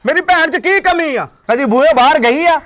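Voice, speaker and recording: A man's voice: very high voice, lively intonation, moderate pace, a bit bright. A man playing the wife's meddling brother, who accuses and nags with questions. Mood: probing. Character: wife's brother, a hot-tempered meddler who stirs up quarrels.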